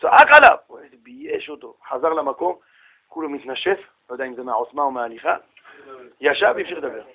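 A man teaching a religious lesson with animated storytelling, asking rhetorical questions and acting out the people in his stories. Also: medium pitch, vocal fry, slightly rough, phone-quality sound. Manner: animated storytelling, acts out quoted voices. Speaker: Torah teacher.

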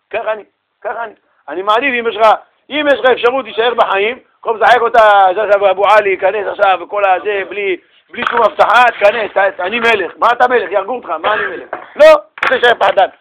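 A man from Israel giving a Torah sermon, lively, acting out quoted dialogue with street slang and rhetorical questions. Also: high voice. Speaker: preacher. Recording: dull lo-fi radio-style recording.

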